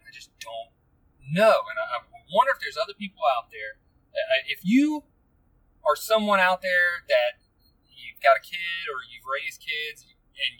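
A man's voice: a little high, bright, forceful tone, breathy edge, recorded from a distance, rough recording. A man hosting a podcast, telling a story casually and rambling, often stumbling and repeating words. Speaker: podcast host.

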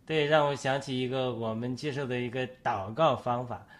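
A man's voice: medium pitch, normal speed, over a noisy crowd. Preacherly male talk show host. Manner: explains at length, citing scripture like a preacher.

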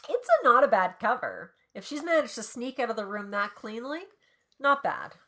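A woman's voice: fairly high pitch, big pitch swings, normal speed, a bit bright. A woman co-hosting a comedy podcast, reading a novel aloud and breaking off for wry, profane commentary. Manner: wry, swears casually. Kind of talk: dramatic reading with comic commentary.

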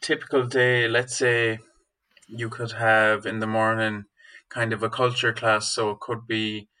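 A man's voice: on the low side, little pitch movement, unhurried, sharp tone. A young man from Galway with a west of Ireland accent, answering interview questions as a student guest in a hesitant, informal way. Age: young adult.

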